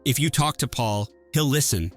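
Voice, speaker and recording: A man's voice: medium pitch, expressive, normal speed, faint music behind, close to an everyday voice. A man voicing a distraught young bride who pleads tearfully and urgently for help. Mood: desperate pleading.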